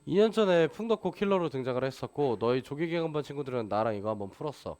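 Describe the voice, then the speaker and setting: A man's voice: mid-range voice, lively intonation, fast talker, darkish tone. A man teaching a math class, lecturing and constantly asking his students rhetorical questions. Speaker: math tutor.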